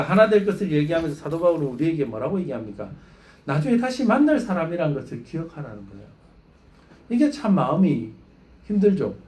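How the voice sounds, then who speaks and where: A man's voice: medium pitch, warm tone. A man preaching a Sunday sermon as pastor, telling a story with acted-out dialogue and questions to the congregation. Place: church sanctuary.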